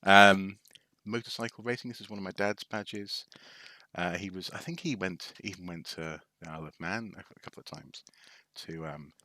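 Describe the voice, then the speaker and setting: A man's voice: deep voice, lively intonation, normal speed, pushed and bright, a little hiss or hum. A man from North Wales chatting casually on a live stream, hesitant with lots of restarts and wry asides. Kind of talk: casual rambling show-and-tell.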